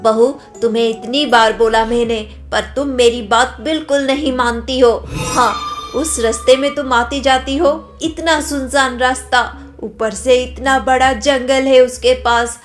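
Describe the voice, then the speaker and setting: A woman's voice: sits high, steady tone, unhurried, soft background music. A woman voicing a worried, nagging older mother-in-law in a cartoon story. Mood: scolding. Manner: nagging, fretful, pleading.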